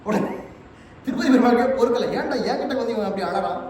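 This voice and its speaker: A man giving a devotional religious discourse, telling stories and chanting verses in a drawn-out sing-song. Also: very high-pitched, lively intonation, darkish tone. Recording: echoey hall, distant mic, faint noise.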